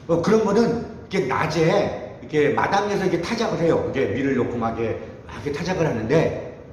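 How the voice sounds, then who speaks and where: A man delivers a lively sermon, acting out the people in his story and poking fun at himself. His pitch sits a little high and swings widely. The sound is very echoey, with a long hall reverb and faint room noise behind him. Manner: animated, acts out quotes, self-mocking. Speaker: youth group preacher. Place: church hall.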